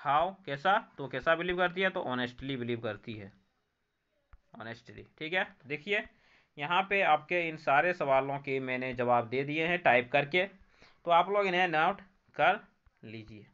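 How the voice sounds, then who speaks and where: A man's voice: fairly high pitch, expressive, measured pace, fairly bright tone, clear, resonant tone, highs cut off. A man with an Indian accent teaching an English textbook lesson, reading each English line and explaining it in Hindi, repeating every answer word. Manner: reads English lines then explains them in Hindi.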